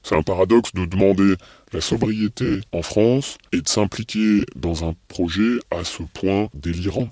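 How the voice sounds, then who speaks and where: A man's voice: sits low, measured pace, dark tone, no echo. An engineer, a man, speaking anonymously with his voice altered by a voice changer, giving critical testimony in a radio report. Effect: voice disguised with a voice changer.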